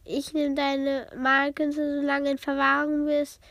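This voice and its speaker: A woman's voice: sits high, completely flat delivery, unhurried, creaky, fairly bright tone, no echo, exaggerated voice. A woman voicing a strict, impatient female schoolteacher in a children's story read aloud, speaking sternly. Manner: stern, scolding.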